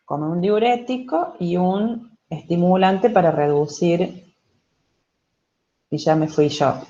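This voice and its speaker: In a dull-sounding recording, a Spanish-speaking woman with a warm, lowish voice teaches English online. Slow and patient, she checks in with her class through frequent "¿sí?" and "¿ok?".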